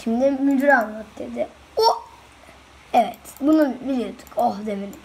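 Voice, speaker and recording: A woman giving casual, excitable commentary over a video game she is playing. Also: fairly high pitch, normal speed. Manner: excitable, chatty, reacts out loud to the game. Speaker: gameplay video host.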